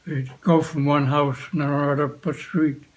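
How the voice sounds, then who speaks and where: An elderly man, a veteran, remembering his past in an unscripted interview, speaking in short, halting phrases with frequent pauses. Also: fairly high pitch, flat delivery, low-quality recording. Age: 80s or older. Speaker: war veteran being interviewed. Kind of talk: unscripted reminiscence, recalling the past.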